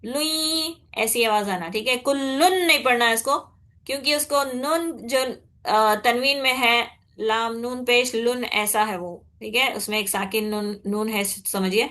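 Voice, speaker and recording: A woman teaching Quran recitation rules, patiently explaining and checking in with her students, then demonstrating with slow, drawn-out nasal recitation. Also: a little high, fairly even intonation, bright, forceful tone. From India. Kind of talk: tajweed lesson.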